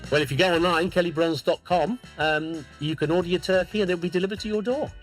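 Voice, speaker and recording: Man, slightly higher voice, firm instructive cooking tips, interview guest, faint music behind. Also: fairly even intonation, fast talker. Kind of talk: giving cooking advice in an interview.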